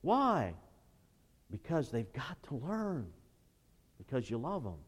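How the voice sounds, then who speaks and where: A middle-aged man preaching a sermon as pastor, emphatic, rising to loud bursts and reading scripture aloud. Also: mid-range voice, huge pitch swings, takes it slowly, slightly rough. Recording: long reverb of a large church hall.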